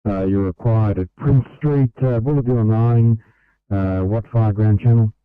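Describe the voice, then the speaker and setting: A man's voice: on the low side, fairly even intonation, a little slow, smooth, no room sound. A man working as a fire dispatcher, speaking in clipped, courteous procedure over a crackly two-way radio. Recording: narrow, crackly radio channel.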